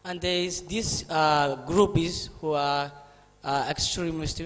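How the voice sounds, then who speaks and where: A man from Somalia puts a question to the speaker from the floor of a conference. His voice sits a little high, and he talks in halting stretches full of fillers. The sound carries a long hall reverb. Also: steady tone, fairly bright tone, faint music behind. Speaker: audience member asking a question.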